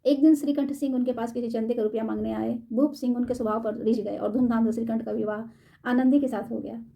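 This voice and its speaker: A woman storyteller reading a classic short story aloud in a measured, formal way. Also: on the high side, fairly even intonation, vocal fry, warm tone.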